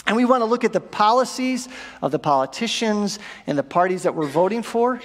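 A man in his thirties preaching a sermon from a church stage, animated and asking the congregation rhetorical questions. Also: sits high, a little fast. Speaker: pastor. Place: church auditorium stage with audience. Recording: long reverb of a church hall.

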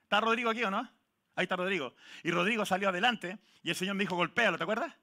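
A man with a Chilean Spanish accent preaching a sermon in church, lively and joking with the congregation and calling people by name. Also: high voice, very fast. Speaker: pastor.

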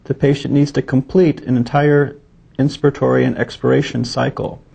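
Man, physician instructor, medical teaching demonstration, gravelly, husky, methodical. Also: medium pitch, flat delivery, moderate pace, mellow. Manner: methodical, explanatory.

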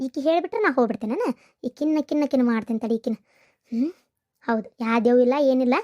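A cackling-high, rapid old village woman from a comedy cartoon, scolding her family with a North Karnataka accent, as a woman puts her on. She talks in quick, piping bursts and keeps complaining that nobody values her. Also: expressive, darkish tone, lo-fi sound. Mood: grumbling. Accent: North Karnataka Kannada. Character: grumbling self-pitying old village woman.

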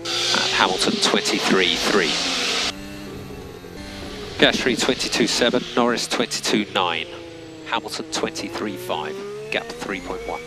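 This race engineer talks over team radio in a fairly low voice, a little slowly and with frequent pauses. His terse instructions and data readouts are delivered matter-of-factly, and the radio carries plenty of motor racing noise and engine sound.

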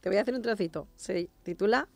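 A woman with a Spanish accent, a singer and guest on a radio show, chatting quickly with laughs and singing live. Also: mid-range voice, creaky, a little mellow, dry recording. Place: radio studio.

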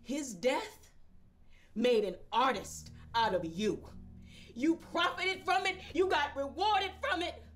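A woman's voice: mid-range voice, lively intonation, slow pace. An actress playing a bitter, grieving mother in a film drama, intense and profane, repeating phrases for emphasis. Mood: anguished, accusing. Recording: music behind the voice.

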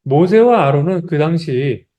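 A man preaching a sermon at a weekday service, speaking calmly and reflectively with rhetorical questions. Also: on the high side, unhurried, lo-fi sound.

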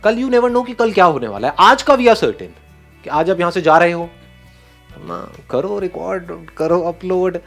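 A man giving an animated, encouraging motivational talk to an audience, often laughing. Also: sits high, measured pace, gravelly, soft background music. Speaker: speaker on stage.

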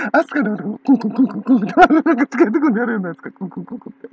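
A woman's voice: a little high, very animated, racing, slightly rough. A woman with a Kansai accent talking in a rambling casual monologue, laughing often between phrases, on a dull lo-fi recording. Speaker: channel owner.

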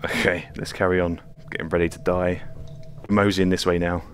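A VR gameplay channel host plays a horror game on the floor of a room at home, commenting live in a low, level voice at a moderate pace. He's jumpy, swears often and laughs nervously, with a little hiss or hum in the recording.

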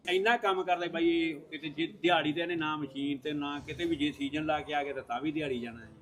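A village headman explaining quickly and eagerly. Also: on the high side, steady tone. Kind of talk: casual explaining.

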